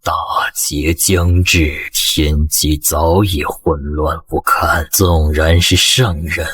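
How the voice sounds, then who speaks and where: A man voicing an aloof ancient sage master in an animated comic, speaking in slow, measured pronouncements. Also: rumbling low, husky, full character voice. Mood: solemn.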